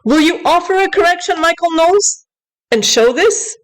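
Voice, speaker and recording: Her voice is extremely high, with lively intonation and a moderate pace, captured in a low-quality recording. This online commentator gives unscripted news commentary in an upset, insistent, corrective way, switching between English and French while reading aloud.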